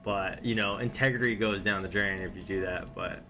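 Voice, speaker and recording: A man's voice: low voice, moderate pace. A man at home giving casual, rambling reaction commentary on videos, loose and laid-back, with lots of filler words.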